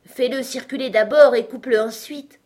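A woman's voice: fairly high pitch, normal speed, darkish tone, voice pushed up, close to an everyday voice. A woman voicing a male unicorn in a storybook reading, offhand, disdainful and bossy.

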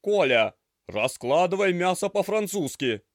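A man's voice: sits high, sing-song, a little slow, no echo, studio quality, voice pushed up, heavily acted. A man voicing a stout, mustached head chef who barks orders across a busy kitchen in an audiobook. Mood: shouting orders. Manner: barking orders. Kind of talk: audiobook character voice.

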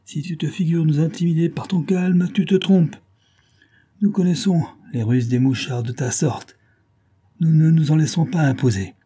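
A man voicing a boastful gang chief who threatens his captives with loud, sonorous phrases, in a storybook reading. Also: on the high side, normal speed, slightly rough, voice pushed up. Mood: scornful.

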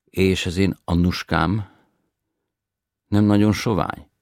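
A man voicing a fussy, gentle old grandmother who asks soft, anxious questions and sometimes drops to a hush. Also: deep voice, steady tone, gravelly, dry recording, clean studio sound, voice pushed up. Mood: anxious, doting.

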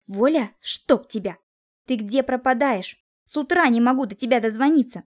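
A demanding, sharp-tongued woman in a fix, read by an audiobook narrator, nagging and cajoling with a fairly high voice. The lines come quick and emphatic, full of reproach. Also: natural voice. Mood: insistent. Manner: demanding, scolding, then wheedling. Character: scheming woman in trouble, pushy. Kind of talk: audiobook character reading.

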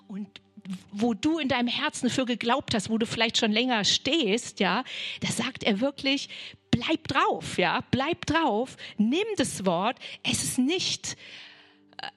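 A woman delivers a charismatic sermon with fervent conviction. Her voice is husky and sits fairly high. She keeps calling out hallelujah and sometimes drops to a whisper. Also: fairly bright tone. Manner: fervent, frequent hallelujahs, some whispered words. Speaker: preacher.

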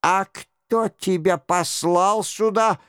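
A man reading the part of a stern lawyer who questions a captive with cold, clipped questions in a low, muffled voice. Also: takes it slowly, a bit bright, clean tone, no echo, clean studio sound. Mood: menacing. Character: stern menacing male lawyer interrogating at swordpoint. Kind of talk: audiobook character reading.

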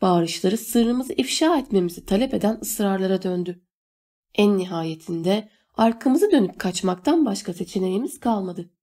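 A woman reading a novel aloud as narrator, steady and measured. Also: medium pitch. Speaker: audiobook narrator. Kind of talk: scripted narration.

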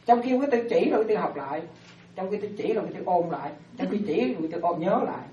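A woman Buddhist teacher giving an animated dharma talk to lay followers, often checking that they follow. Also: medium pitch, fast, a little hiss or hum. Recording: roomy, distant, dull lo-fi sound.

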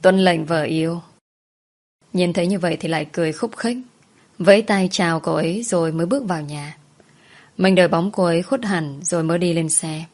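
Woman reading a story out loud, lowish voice, soft and steady. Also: quick pace. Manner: soft, even storytelling, voicing every character herself. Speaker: narrator. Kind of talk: storytelling narration with acted dialogue.

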